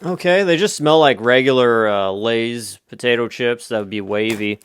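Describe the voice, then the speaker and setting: An American man with a mid-pitched voice talks through a snack review in a dry, close-sounding recording. His delivery is casual and conversational, rambling along in an offhand way as he gives his opinions. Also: moderate pace, clean tone, no echo. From United States. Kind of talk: casual off-the-cuff review chat.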